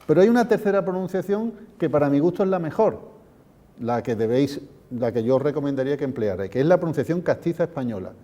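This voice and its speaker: Man lecturing on Latin, dark voice. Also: fairly high pitch, expressive, fast talker. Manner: digressive, explanatory, spells out sounds. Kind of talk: conference lecture. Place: association meeting room.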